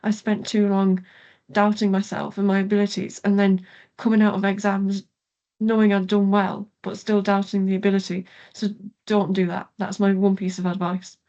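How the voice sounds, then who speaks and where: Mellow young woman, west of Ireland accent. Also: mid-range voice, level tone, normal speed, highs cut off. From Galway, Ireland. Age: young adult. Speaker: interview guest, pharmacy student. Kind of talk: casual interview answers.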